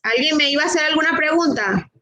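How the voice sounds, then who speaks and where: A middle-aged woman teaching a class, speaking slowly and patiently and repeating rules and questions to her students. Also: high-pitched, lively intonation, sharp tone, low-quality recording. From Latin America. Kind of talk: online class lesson.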